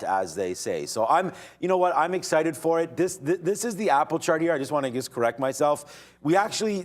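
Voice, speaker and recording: A man hosting a day-trading livestream, giving casual, informal commentary as he thinks aloud. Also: mid-range voice. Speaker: day trader and livestream host.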